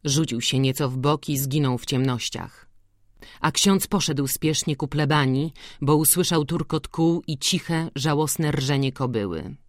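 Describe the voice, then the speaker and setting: An audiobook narrator reading a classic novel in a measured, unhurried way. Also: medium pitch, no room sound, clean studio sound.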